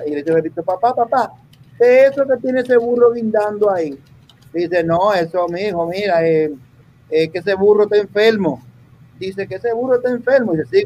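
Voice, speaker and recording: A man's voice: high voice, muffled recording, slight background noise. A man telling jokes on a podcast, acting out the voices of the people in his stories. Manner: animated storyteller acting out quotes. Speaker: comedian.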